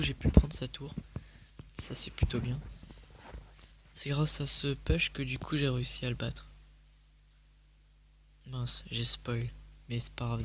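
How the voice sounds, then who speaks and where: A young man quietly commenting on his own game replays at home at night, speaking softly and a little sick. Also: medium pitch, gravelly, slight background noise. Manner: speaks softly, often near a whisper. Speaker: gaming youtuber. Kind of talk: casual gameplay commentary.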